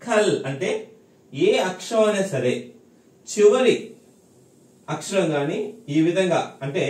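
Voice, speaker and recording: Guy teaching a language class, pretty high voice, keeps checking if you follow, roomy echo. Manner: patient, repetitive explaining with frequent check-ins. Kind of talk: recorded online lesson. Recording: echoey room, mic at a distance.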